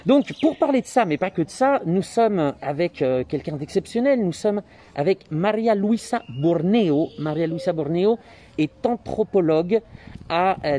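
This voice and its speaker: Mellow Frenchman presenting through a face mask. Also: a little high, a little hiss or hum. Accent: French from France. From France. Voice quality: slightly muffled by face mask. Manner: conversational, hesitant delivery. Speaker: interviewer and reporter. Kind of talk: informal on-location introduction and interview.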